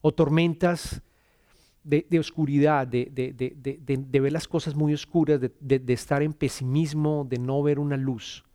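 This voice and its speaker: Speaking in church, a middle-aged Colombian with a Bogotá accent recounts his own testimony, earnest and faltering, frequently repeating himself and beginning again. His pitch sits fairly high, his intonation stays fairly even, and his tone is warm.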